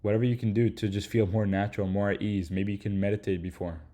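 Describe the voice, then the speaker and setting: A man giving casual, slangy advice to aspiring creators in a relaxed lecture, swearing now and then and tossing in "like" and "right?". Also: on the low side, quick pace. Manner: laid-back, slangy, swears casually, peppers speech with "like" and "right?".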